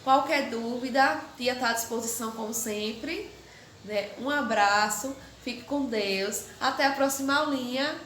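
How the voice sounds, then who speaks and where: High bright teacher lady, explains slow n keeps checking u get it, echoey room. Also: slight background noise. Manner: explains slowly, keeps asking "né?" to check understanding. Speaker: Spanish teacher. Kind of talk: recorded online class.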